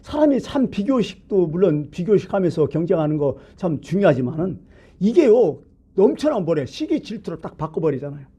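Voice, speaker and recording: Man, pastor, Sunday sermon, husky mellow voice, lively swings in pitch, fairly high. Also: fairly quick. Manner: conversational, asks the congregation questions, jumps between loud and hushed.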